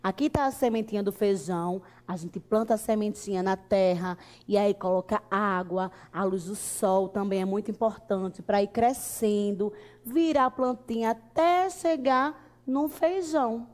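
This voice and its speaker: A woman's voice: medium pitch, measured pace, a little mellow. A woman with a Brazilian Portuguese accent teaching young children like a kids show host, cheerful and sing-song, posing questions and answering them.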